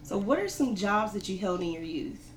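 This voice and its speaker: Brisk upbeat woman interviewer. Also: mid-range voice, big pitch swings, reverberant, low-quality recording. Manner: brisk, upbeat, frequent short backchannels. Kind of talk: casual interview.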